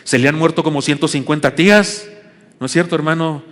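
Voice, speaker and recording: A man's voice: a little high, fairly even intonation, fairly quick, fairly bright tone. A man preaching a sermon as pastor, telling folksy, self-mocking stories in a church sanctuary. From Chihuahua, Mexico. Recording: long hall reverb in church.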